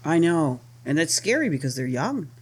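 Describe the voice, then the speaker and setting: A woman's voice: low voice, moderate pace, slightly rough. A woman co-hosting a casual chat show, laughing often and swearing freely. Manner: laughs often, lively and profane. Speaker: podcast co-host.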